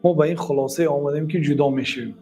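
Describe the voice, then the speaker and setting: A man's voice: a little high, steady tone, mellow. A man with a Tajik accent, an Islamic teacher giving a religious lesson who recites Arabic verses and translates them line by line.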